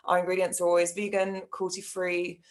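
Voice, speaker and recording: A woman with a fairly low voice speaks as a panelist. She presents her business as its co-founder, in an explanatory introduction. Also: completely flat delivery, brisk.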